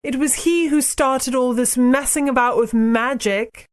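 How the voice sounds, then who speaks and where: A high-voiced young girl played by an audiobook narrator, prim and brisk. She speaks in cutting, indignant schoolgirl phrases, as a character in a children's storybook. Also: fairly even intonation. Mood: cool, stiff.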